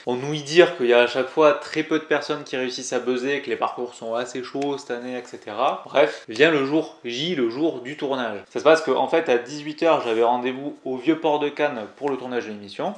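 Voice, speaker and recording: A young man from southern France speaks with a clear Toulouse accent, telling a story to his viewers in a loose, slangy vlog style. His voice sits at an ordinary pitch, and it rings with a noticeably roomy echo. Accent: Toulouse, southern French. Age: 20s. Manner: chatty and slangy, addressing viewers directly. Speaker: climbing YouTuber.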